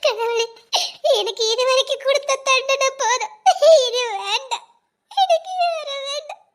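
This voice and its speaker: A woman's voice: very high voice, fast talker, pushed and bright, no echo, studio quality. A woman acting a grieving, wronged young woman, speaking with a Tirunelveli Tamil accent in a trembling, tearful voice. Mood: weeping despair.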